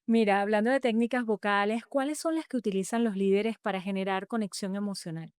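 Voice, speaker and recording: A woman hosting a podcast, asking her guest expressive questions. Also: mid-range voice, brisk, clear, resonant tone, no room sound, clean studio sound. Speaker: podcast host.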